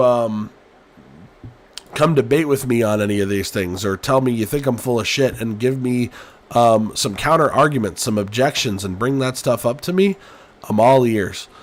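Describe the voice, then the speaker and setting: A man hosting a livestream, nasal from a cold, talking in an emphatic, repetitive way with frequent ums. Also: medium pitch. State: has a cold. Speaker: livestream host. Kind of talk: casual spoken commentary.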